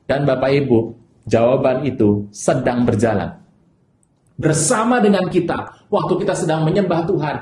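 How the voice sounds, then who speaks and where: A male pastor preaching a sermon in an animated way, acting out people's desperate cries for help. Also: mid-range voice, moderate pace, echoey room, slight background noise.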